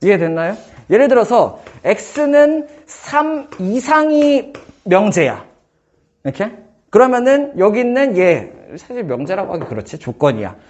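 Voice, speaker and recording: A man teaching math in a casual one-on-one lesson, firing quick questions at his student and joking. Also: sits high, big pitch swings, darkish tone, muffled recording. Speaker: math tutor.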